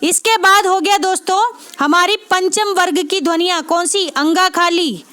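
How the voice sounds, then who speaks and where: High-voiced woman teaching exam prep. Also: moderate pace, sharp tone. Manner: repeats points with constant check-ins to the class; asks and answers her own questions.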